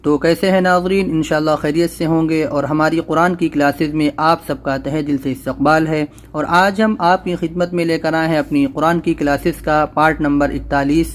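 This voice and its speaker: A high-voiced man leads a beginners' Quran reading lesson. He is patient and repeats each spelling slowly and firmly. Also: steady tone. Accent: Urdu. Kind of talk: step-by-step recitation lesson.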